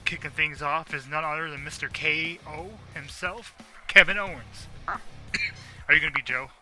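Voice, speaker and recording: Bright-voiced joking gaming co-host. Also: male voice, on the high side, unhurried, soft background music, poor audio. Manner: loose, joking, swears freely. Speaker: co-host and player. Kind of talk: casual gaming commentary.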